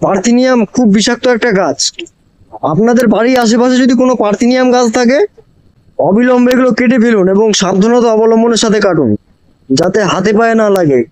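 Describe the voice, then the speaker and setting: A man with a high, soft-toned voice vlogs from his motorbike, talking inside a helmet. The sound is close and very dry, and he explains things casually to his viewers, often repeating himself for emphasis. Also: fast, dry recording. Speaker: motorcycle vlogger. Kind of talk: casual riding vlog chat addressed to viewers. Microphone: moto vlogging helmet microphone.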